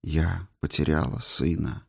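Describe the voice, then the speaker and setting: A man voicing a sad, mysterious grandmother who speaks softly and wearily. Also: sits low, sing-song, normal speed, creaky, slightly rough, heavily acted. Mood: sorrowful. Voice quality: hushed, rustling. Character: sad, mysterious grandmother, soft-spoken, weary.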